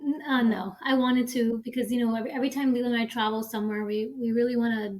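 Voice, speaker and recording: A woman's voice: a little high, steady tone, quick pace, a little mellow. A woman co-hosting a podcast, chatting casually and eagerly. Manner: enthusiastic, gushing. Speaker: podcast co-host. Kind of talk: casual chat.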